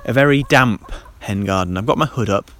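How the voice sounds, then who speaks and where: A man with a fairly low voice rambles through a casual solo podcast, full of ums and restarts. He speaks into a handheld dictaphone while standing in a damp garden in light rain, and later under a covered shelter. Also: brisk, fairly bright tone. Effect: handheld dictaphone recording outdoors. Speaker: podcast host. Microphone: handheld voice recorder.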